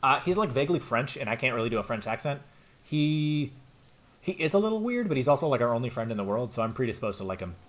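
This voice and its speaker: A man chatting excitedly to viewers as he plays a video game, his throat getting tired. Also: mid-range voice, quick pace. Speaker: streamer playing a video game. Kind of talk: let's play commentary.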